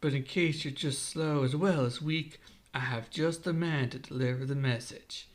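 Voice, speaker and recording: A man's voice: mid-range voice, normal speed, natural voice. A man voicing a cruel, sneering adult bandit leader. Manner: sneering, mocking.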